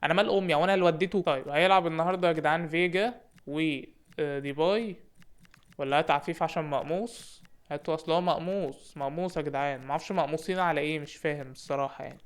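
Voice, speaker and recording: A young man with an Egyptian Arabic accent giving joking, excited commentary on a football game and shouting at his players. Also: fairly high pitch, racing, clean tone. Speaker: gaming YouTuber.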